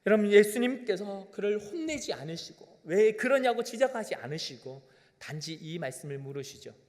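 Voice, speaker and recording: Male pastor, emphatic sermon delivery, high voice, church reverb. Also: sing-song, normal speed, darkish tone. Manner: emphatic, swelling preaching cadence with direct appeals. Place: church sanctuary. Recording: long reverb of a church hall.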